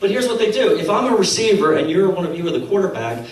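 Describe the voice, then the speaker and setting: Animated male speaker in an echoey hall. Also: high-pitched, fast talker, a little hiss or hum. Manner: animated, acts out quotes, laughs at his own stories. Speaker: speaker at a faith conference. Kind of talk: storytelling talk to an audience. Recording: very echoey hall, mic at a distance.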